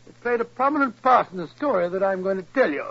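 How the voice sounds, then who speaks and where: An actor playing a genial, bumbling elderly British doctor who stammers and repeats himself, in 1940s radio style. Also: male voice, high voice, animated, quick pace, fairly bright tone, no room sound, heavily acted. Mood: genial, reminiscing. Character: elderly genial doctor telling tales of his detective friend. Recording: muffled old radio recording.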